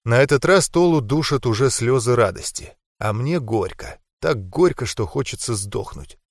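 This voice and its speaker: A man's voice: medium pitch, animated, normal speed, no room sound. Guy reading a grim first-person audiobook, dead dry close sound. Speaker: audiobook narrator. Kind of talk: scripted first-person narration.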